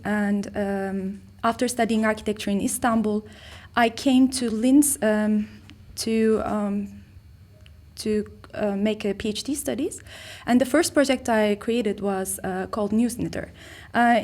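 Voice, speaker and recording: Woman presenting her art projects at a talk, lots of ums and uhs, mid pitch. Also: darkish tone. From Turkey. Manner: hesitant, many fillers and restarts. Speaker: artist and researcher giving a talk. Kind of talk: conference talk.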